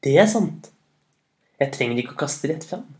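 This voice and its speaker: A man's voice: mid-range voice, very animated, natural voice. A man voicing a brave, determined young schoolgirl who speaks in raised, urgent exclamations in a storybook tale. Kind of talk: storybook narration.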